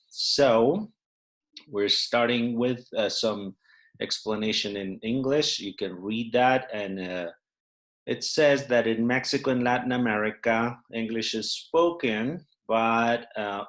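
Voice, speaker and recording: A man who speaks natively, going through a phrase sheet in English, unhurried and with many fillers. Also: lowish voice, fairly bright tone. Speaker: Spanish teacher.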